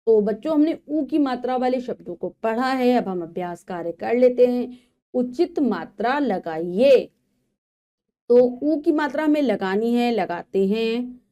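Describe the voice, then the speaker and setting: Slow, mellow-voiced woman teaching phonics. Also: fairly high pitch, lively intonation. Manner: slow, deliberate letter-by-letter spelling, then quick explanations to children. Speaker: primary school Hindi teacher. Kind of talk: children's phonics lesson, spelling out letters. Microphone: voice-over for a video lecture.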